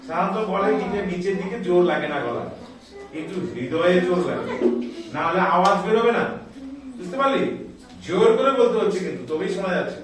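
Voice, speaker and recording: High-voiced man teaching a music class. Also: expressive, quick pace, heavy reverb, far from the mic. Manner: explains step by step, calls out scale notes, scolds chatty children. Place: school classroom.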